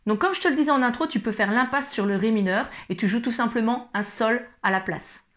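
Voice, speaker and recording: A woman's voice: fairly high pitch, fairly quick. A woman who teaches school explains guitar chords step by step, speaking informally and patiently to the viewer. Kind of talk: guitar tutorial. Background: acoustic guitar playing.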